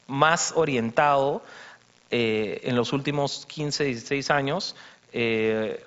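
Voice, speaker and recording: A man's voice: medium pitch, fairly bright tone. Man presenting slides in a hall. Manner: explanatory, frequent fillers and tag questions. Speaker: economist presenting at a conference. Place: congress conference hall. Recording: reverberant hall, dull broadcast audio.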